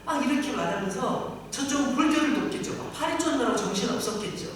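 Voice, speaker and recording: A woman's voice: on the high side, quick pace, recorded from a distance, noisy background. Woman preaching in an echoey church hall. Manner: animated preaching, acting out voices of God and people. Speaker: pastor. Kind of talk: sermon. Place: church sanctuary.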